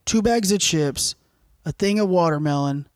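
A man's voice: a little high, normal speed, dry recording, studio quality. A young man, a podcast co-host, telling a rambling, profane story in casual chat and often laughing.

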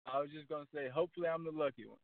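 A young man, a college football player, answering interview questions in a laid-back way with many "uh" pauses. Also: fairly high pitch, gravelly, no echo. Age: young adult. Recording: tinny phone-line audio.

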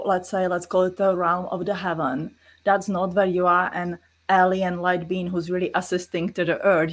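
Speaking non-native English with a Czech accent, a middle-aged woman earnestly explains spiritual experiences as an interview guest. Her voice is lowish.

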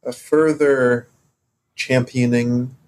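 A man from Morocco co-hosting a casual podcast discussion, talking in halting stops and starts with many fillers. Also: medium pitch, level tone, a little mellow, slight background noise. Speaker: podcast co-host.

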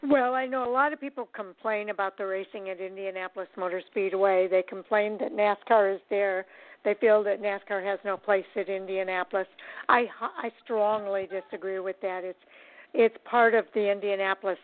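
A woman's voice: medium pitch, fairly even intonation, normal speed. A woman hosting a casual race talk show, giving strong opinions with frequent "uh" fillers over a call line. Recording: tinny dry phone line.

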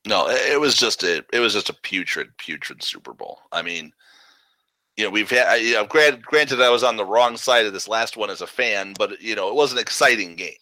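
A man's voice: on the low side, brisk, sharp tone, no echo, rough recording. A man co-hosting a sports podcast, speaking emphatically and repeating words for stress in casual chat. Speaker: podcast co-host.

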